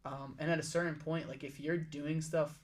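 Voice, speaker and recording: A young man in his twenties, a podcast host and track coach intern, talking in a relaxed, rambling way and swearing now and then. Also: on the high side, normal speed. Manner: relaxed, rambling, swears casually, acts out quotes. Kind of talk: casual chat.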